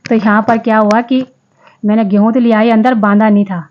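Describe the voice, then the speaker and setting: A woman's voice: on the high side, fairly even intonation, a little fast, dull audio. A woman vlogger narrating her day in a casual voice-over, chatty, often restarting and correcting herself.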